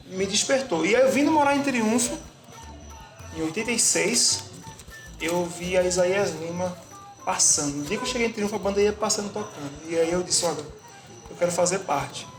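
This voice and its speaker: A man's voice: sits high, animated. Reflective Bahian man in echoey room. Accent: Bahian Portuguese. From Bahia, Brazil. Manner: reflective, pausing, restarts words. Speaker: interviewed artist and musician. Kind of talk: relaxed interview answers. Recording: echoey room with music behind.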